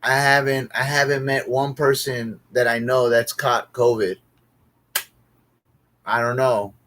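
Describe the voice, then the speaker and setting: A man talking alone to a livestream at a middle pitch, swearing freely and circling back over the same complaints. His griping is exasperated and repetitive, a loose casual rant. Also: level tone, measured pace, fairly bright tone. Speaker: comedian streaming alone.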